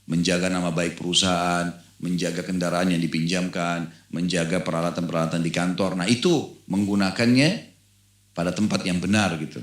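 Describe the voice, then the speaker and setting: A middle-aged man preaching an Islamic sermon, animated and asking the audience questions. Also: low voice. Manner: animated storytelling, acts out a dialogue in the anecdote. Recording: echoey room.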